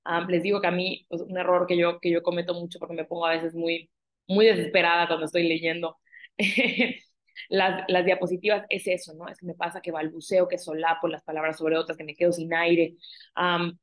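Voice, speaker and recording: Woman lecturer, lowish voice, talks through points with fillers and tag questions. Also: level tone, moderate pace. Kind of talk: recorded online lecture.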